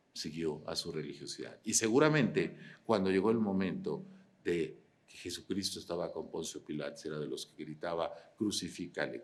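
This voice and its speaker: A man, preaching an animated sermon with rhetorical questions, swinging from loud to quiet. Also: a bass voice. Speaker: pastor.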